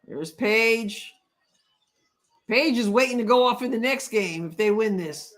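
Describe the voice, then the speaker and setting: A woman's voice: a little high, a little slow, fairly bright tone. A woman hosting a live stream, reacting bluntly and sarcastically as she watches a basketball game. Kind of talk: casual chat watching a game.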